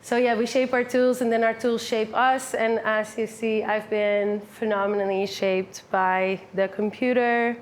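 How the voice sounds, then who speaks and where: A woman in her twenties from the Netherlands gives a casual, upbeat meetup talk to a full room with a live audience. Her voice is on the high side with little pitch movement, and she speaks at a measured pace with few pauses, chatty and sprinkling in lots of "like" and "um."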